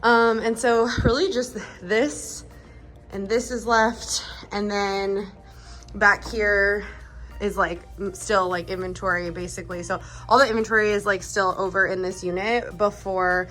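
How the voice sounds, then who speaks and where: Female vlogger, bright forward tone, informal chatty store-tour delivery. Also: mid-range voice, steady tone, a little slow, soft background music. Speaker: vlogger and boutique owner. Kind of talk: casual vlog tour narration. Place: indoors in store units.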